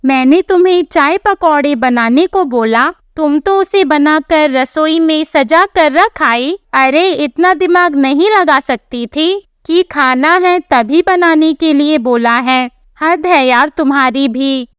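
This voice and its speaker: A woman's voice: high voice, takes it slowly, hardly any pauses, a bit bright, dry recording, clean studio sound. A woman voicing an irritable young husband who scolds his wife with exasperation, in a storybook telling. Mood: angry.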